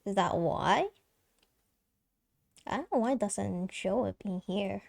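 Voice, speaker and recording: Vocal fry colours this mid-range voice, which moves slowly with lively intonation. The speaker is a young live streamer with a light soprano quality, giggling through casual chat full of fillers and restarts.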